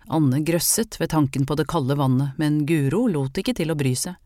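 Low dark female audiobook narrator, calm and measured. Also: dry recording, clean studio sound. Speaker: audiobook reader. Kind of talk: scripted narration.

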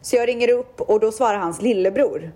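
A woman's voice: medium pitch, warm tone. A young woman from Sweden chatting casually, animatedly retelling a story and quoting people.

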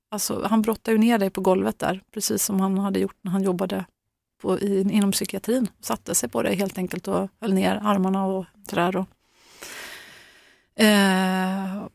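A middle-aged woman telling a painful family story, halting and full of fillers and restarts. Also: mid-range voice, creaky, no echo, clean studio sound. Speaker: guest, mother. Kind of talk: emotional personal account.

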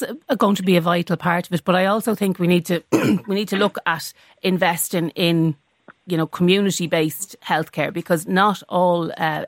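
A woman speaks in a low voice as a panel guest, offering considered points. The recording is dry and close. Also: no echo. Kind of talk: considered radio discussion.

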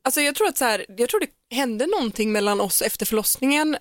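A young woman co-hosting a podcast, telling a personal story in animated, quick casual chat and acting out what people said. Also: fairly high pitch, no room sound, clean studio sound. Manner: animated, fast storytelling with acted-out quotes and laughter. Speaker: podcast co-host.

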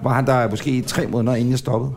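A man's voice: medium pitch, flat delivery, gravelly, a little mellow, soft background music. A middle-aged man from Denmark, co-hosting a podcast in casual comic chat, rambling through stories with many restarts. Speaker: podcast co-host.

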